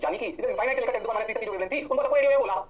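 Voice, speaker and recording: A male physics teacher, giving a rapid lecture and answering his own questions the way a student would. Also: extremely high pitch, slight background noise. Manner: drawn-out exclamations. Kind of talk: fast classroom lecture.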